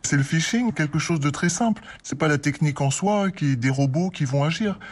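An anonymous man in a recorded interview excerpt, his voice disguised with a voice changer, speaking haltingly with frequent filler pauses. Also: on the high side, expressive.

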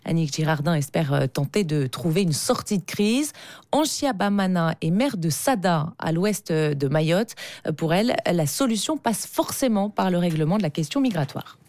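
A woman presenting a live radio news bulletin, brisk, with small hesitations between phrases. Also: lowish voice, lively intonation, darkish tone, no room sound, studio quality.

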